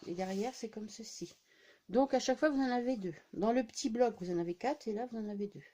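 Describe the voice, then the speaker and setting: Speaking briskly in a warm voice that sits on the high side, a woman presents her craft purchases to her audience. She's a scrapbooking vlogger doing a relaxed haul show-and-tell, chatty and full of fillers and "hein" tags.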